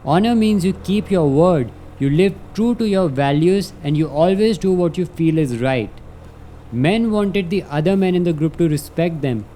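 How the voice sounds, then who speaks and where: Male motivational vlogger, earnest scripted delivery, relaxed dark-soft tone, light vehicle noise behind. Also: a little high. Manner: earnest, instructive, measured declarative delivery.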